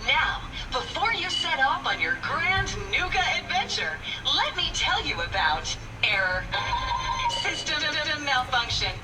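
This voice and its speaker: Perky metallic robot guide, glitchy sales patter, high voice, music behind. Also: female voice, sing-song, unhurried. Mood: glitching. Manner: bubbly sales-pitch patter with system error breaks. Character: cheerful female robot park guide, glitching. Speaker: informational robot assistant. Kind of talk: video game dialogue. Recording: distant game audio over music.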